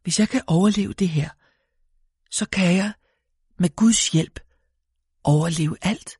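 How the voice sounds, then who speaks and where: A woman voicing a young female lightning survivor who turns from dazed questions to cold, sinister calm, read in an audiobook. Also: fairly low pitch, slightly rough, no room sound, clean studio sound, voice pushed up.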